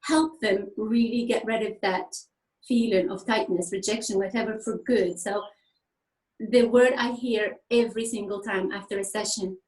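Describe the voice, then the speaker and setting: A woman from Tunisia, raised speaking French and Arabic, talks about her therapy practice in a loose, conversational way. Her pitch sits in an ordinary middle range, and she laughs often and leans on fillers. The room around her is echoey. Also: moderate pace. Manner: animated, laughs often, many fillers like "kind of like". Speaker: therapist guest. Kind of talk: conversational explanation.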